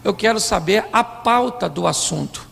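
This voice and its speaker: A man's voice: sits high, lively intonation, moderate pace, gravelly, a bit bright, a little hiss or hum. A man with a Brazilian Portuguese accent preaching a comic, stand-up style sermon to a live audience, acting out voices and quizzing the crowd. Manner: playful, acts out quoted voices; asks the audience sim ou não. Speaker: pastor. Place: church hall before an audience. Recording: live hall reverb, faint audience.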